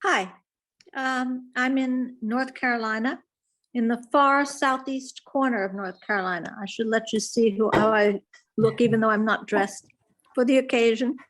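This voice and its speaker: An older woman from Pittsburgh, with a fairly high voice, introduces herself on a video call. She chats easily and strings her sentences together loosely. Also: fairly even intonation, normal speed, fairly bright tone, rough recording. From Pittsburgh, United States. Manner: chatty, loosely strung sentences. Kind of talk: casual self-introduction.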